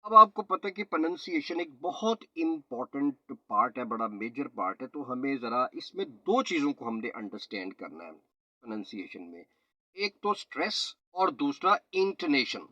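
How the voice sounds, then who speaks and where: A man, a trainer explaining pronunciation in a slow, step-by-step lesson. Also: medium pitch, very animated, bright, forceful tone, no echo. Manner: slow, explanatory, mixes in English phrases and tongue twisters. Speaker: IELTS and PTE trainer. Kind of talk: spoken teaching lesson. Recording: slightly dull, lo-fi audio.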